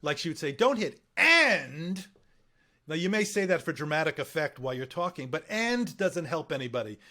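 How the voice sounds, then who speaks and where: A man in a casual conversation, a medical correspondent who tells lively stories and laughs often. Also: a little high, quick pace. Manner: lively storyteller who acts out quoted voices.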